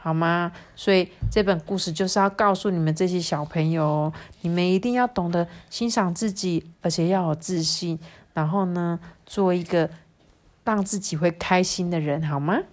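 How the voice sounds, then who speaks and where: A woman reading a storybook aloud to her child in a gentle, lilting, teaching tone. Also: fairly low pitch, moderate pace.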